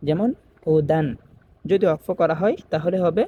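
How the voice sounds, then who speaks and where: A man teaching Quran reading, spelling out letters slowly and repeating each word for beginners. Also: fairly high pitch, dull audio, a little hiss or hum. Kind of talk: step-by-step spelling lesson.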